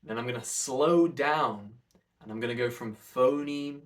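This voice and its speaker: A man coaching an articulation warm-up in an instructional, demonstrative way, with careful enunciation. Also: mid-range voice, a little slow. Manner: demonstrative, over-enunciates counts and sounds.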